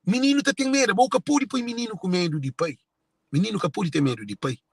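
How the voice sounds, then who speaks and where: High-voiced Cape Verdean man, dry sound. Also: lively intonation, fast talker, breathy edge, dry recording. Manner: repetitive, circling back to phrases. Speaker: speaker sharing personal family story. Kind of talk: emotional monologue to viewers.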